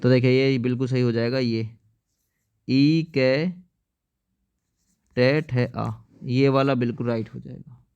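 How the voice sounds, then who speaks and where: Male teacher, clear rounded tone, mid pitch, walks students through exam questions and quizzes them. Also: level tone, a little slow, pauses often, darkish tone, highs cut off. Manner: explains step by step, often asks viewers to answer. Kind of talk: exam-prep lesson.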